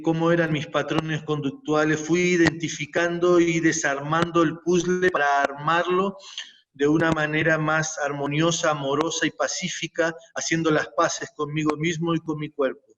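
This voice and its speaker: A man speaking as a guest, explaining his ideas step by step and building them up in repeated lists. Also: fairly high pitch. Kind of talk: reflective explanatory talk. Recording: distant, muffled mic with faint noise.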